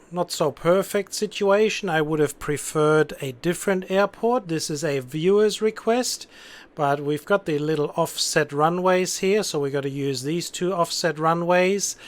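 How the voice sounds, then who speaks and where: A man hosting a casual live game stream, commentating and giving instructions as an air traffic controller. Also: on the high side.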